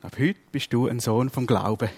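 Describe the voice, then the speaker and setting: A man voicing Jesus as a forgiving grown man who calls out warmly and emphatically. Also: medium pitch, moderate pace, slightly rough. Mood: proclaiming.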